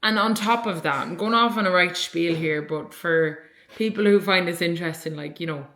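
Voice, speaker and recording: A woman's voice: fairly low pitch, normal speed, fairly bright tone, echoey room, a little hiss or hum. A young Irish woman vlogging casually from home, rambling and chatty with many "like" fillers. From Ireland. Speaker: vlogger and online coach. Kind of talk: casual vlog chat. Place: at home, indoors.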